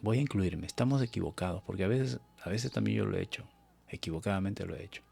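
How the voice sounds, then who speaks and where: A man's voice: low-pitched, fast, gravelly, dark tone, breathy edge. A man preaching a Bible study sermon on a live stream, earnest and exhortative, often addressing his listeners as brothers.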